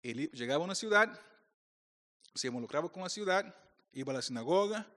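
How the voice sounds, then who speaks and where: Joking with his church audience at a conference, this middle-aged man from Brazil speaks with a Brazilian Portuguese accent in a slightly high, animated, fairly quick voice with a sharp tone. The pastor's words echo with long reverb from the hall.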